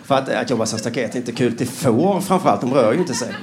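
Sarcastic man doing stand-up, lively pitch. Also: noisy background. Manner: rambling, sarcastic, mocking voices. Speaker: stand-up comedian. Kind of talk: stand-up routine.

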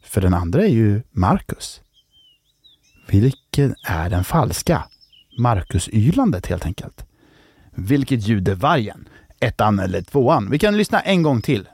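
Gravelly jokey podcast man. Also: lowish voice, big pitch swings, a little mellow, no room sound. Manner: jokey, drawn-out riddle reading. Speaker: children's podcast host. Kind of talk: playful riddle-and-joke podcast chat.

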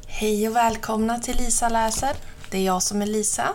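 A woman hosting her own channel, reading a picture book aloud gently and expressively. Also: fairly high pitch, fairly even intonation. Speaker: children's book reader. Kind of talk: storybook read-aloud.

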